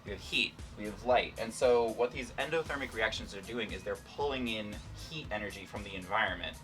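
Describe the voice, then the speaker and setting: A man's voice: fairly low pitch, a little fast, a bit bright, far from the mic, soft background music. A man hosting a casual science demonstration, explaining things informally and playfully. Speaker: host, scientist.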